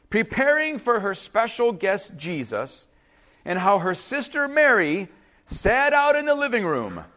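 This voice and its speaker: A man who grew up speaking Ukrainian preaches a sermon, reading and explaining scripture conversationally and informally while adding asides to his listeners. His voice is high-pitched and bright, with a forceful tone.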